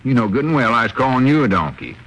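An actor playing a bossy, scheming country storekeeper in a 1940s radio comedy. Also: male voice, medium pitch, big pitch swings, fast talker, a bit bright, dull audio. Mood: exasperated. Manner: bossy, exasperated, rural grammar.

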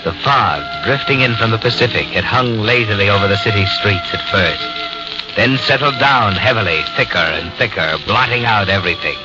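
Man as ominous old-radio storyteller, low voice, suspenseful, loud music behind. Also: lo-fi sound, close to an everyday voice. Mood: brooding. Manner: brooding, suspenseful, deliberate. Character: ominous, all-knowing male mystery storyteller. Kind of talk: 1940s radio drama narration.

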